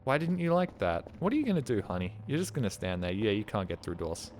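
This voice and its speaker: A man's voice: fairly low pitch, sing-song, fast, darkish tone. Joking man streaming games. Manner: joking, sardonic, swears a lot, chats to viewers. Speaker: game streamer. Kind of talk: casual live-stream commentary. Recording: noisy stream recording.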